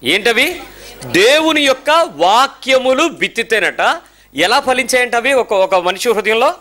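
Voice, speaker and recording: High, bright-voiced male preacher. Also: measured pace. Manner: animated, fires rhetorical questions at listeners; mixes English phrases into his speech. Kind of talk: sermon to a congregation.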